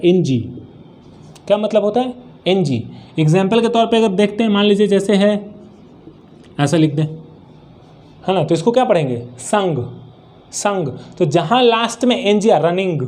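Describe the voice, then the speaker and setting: A man's voice: high voice, warm tone. A man teaching English pronunciation in a classroom style, asking questions and answering them himself. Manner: asks and answers his own questions, repeats words.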